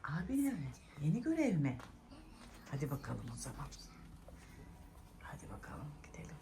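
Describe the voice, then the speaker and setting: A woman's voice: sits low, wildly swooping pitch, normal speed, background noise. A woman giving playful, often whispered commentary on a family home video.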